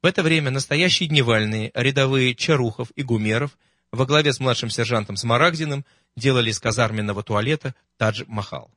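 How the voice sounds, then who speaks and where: Bright-voiced man narrating an audiobook. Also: mid-range voice, a little fast, dry recording, clean studio sound.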